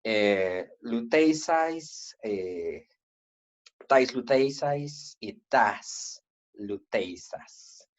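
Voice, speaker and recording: Man, Central American Spanish accent, Greek grammar teacher, animated pitch, muffled lo-fi recording. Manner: patient, halting, many fillers and self-corrections. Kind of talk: online grammar lesson. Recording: dull lo-fi recording.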